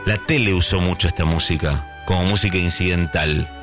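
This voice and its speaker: Low-voiced Argentine radio host. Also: male voice, a little fast. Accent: Argentine Spanish. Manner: musing, reminiscent, relaxed, speaks over soft music. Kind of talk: late-night radio chat and call-in. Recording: faint music behind.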